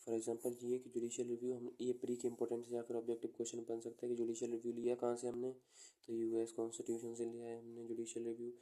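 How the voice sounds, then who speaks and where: A man teaching an exam coaching class, explaining with everyday examples and dictating notes slowly. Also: medium pitch, completely flat delivery, warm tone. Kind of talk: classroom lecture.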